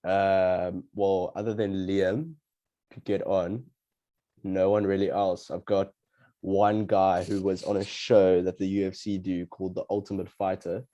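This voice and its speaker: A man's voice: low-pitched, flat delivery, measured pace, dark tone. A young South African man hosting a podcast in a casual, chatty style. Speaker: podcast host. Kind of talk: casual chat.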